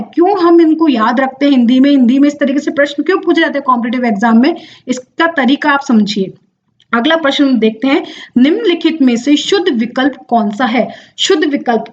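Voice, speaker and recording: High-voiced woman tutoring through exam questions. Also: lo-fi sound. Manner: explains slowly, drawing out words and asking herself questions. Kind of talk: exam-prep lesson.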